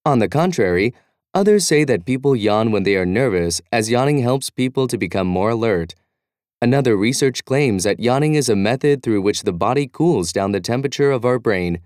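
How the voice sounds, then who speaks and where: A man's voice: medium pitch, lively intonation, fairly quick, darkish tone, no room sound, studio quality. A man reading a formal scripted speech for an English exam listening test. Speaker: test dialogue reader.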